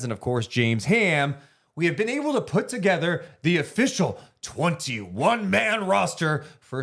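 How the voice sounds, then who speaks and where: A man co-hosting a casual basketball podcast, joking one moment and briskly running through roster details the next. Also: on the high side, a bit bright. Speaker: podcast co-host. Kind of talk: casual sports chat.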